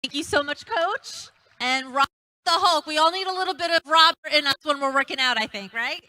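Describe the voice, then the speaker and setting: A woman hosting an opening ceremony, speaking in an upbeat, energetic announcer manner. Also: high-pitched, brisk. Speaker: ceremony emcee.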